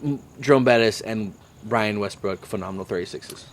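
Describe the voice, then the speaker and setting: A man's voice: lowish voice, moderate pace, a little hiss or hum. A man co-hosting a casual sports podcast outdoors in a backyard at night, agreeable and repeating phrases for emphasis. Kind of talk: casual chat and sports commentary.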